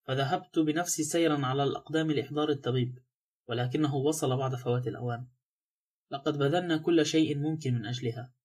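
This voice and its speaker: A nervous butler defends himself in a quiet, respectful tone, voiced by a man reading an audiobook. He keeps a deferential manner throughout. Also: medium pitch, breathy edge, lightly acted.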